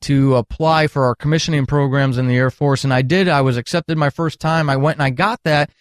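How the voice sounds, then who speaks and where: A retired military counselor, middle-aged, appears as a podcast guest and tells long, sincere, candid stories with emphatic phrasing. His fairly high voice is smooth, with fairly even intonation and a slightly quick pace, captured in studio quality with no room sound.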